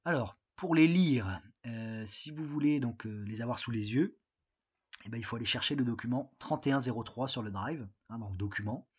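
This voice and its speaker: A French man who teaches English records a remote lesson, patiently taking his students through each step with many fillers. He has a husky, medium-pitched voice at a moderate pace, and the recording sounds dull and lo-fi.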